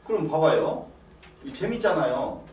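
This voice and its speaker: A middle-aged male pastor preaching in a church, animated and coaxing his listeners to answer his questions. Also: a little high, unhurried, a little hiss or hum. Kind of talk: lively sermon with questions to the congregation. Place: church sanctuary. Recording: roomy sound from a distant mic, faint ambience.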